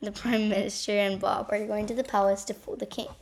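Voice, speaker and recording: A woman's voice: medium pitch, level tone, fairly quick, gravelly, a little mellow, slight background noise. A woman narrating an amateur radio play, announcing scenes in a plain, matter-of-fact way.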